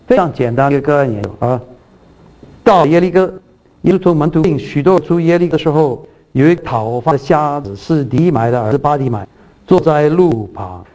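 A man's voice: fairly high pitch, animated, normal speed, a little mellow, rough recording. A man giving a sermon on a Bible passage, repeating and restarting his words, reading scripture aloud with lifted emphasis and often asking if his listeners follow. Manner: repetitive, restarts words, checks in with the audience. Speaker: preacher.

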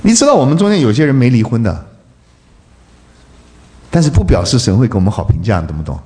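A male preacher giving a sermon, throwing rhetorical questions at the congregation and swinging between loud bursts and soft asides. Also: mid-range voice, very animated, fast.

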